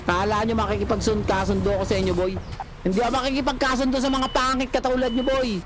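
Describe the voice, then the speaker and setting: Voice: mid-range voice, level tone, fast, background noise. A livestreamer ranting at the chat in a taunting, teasing way, repeating the same jabs again and again. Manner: mocking, repetitive, teasing catchphrases. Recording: loud background music over voice. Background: loud music.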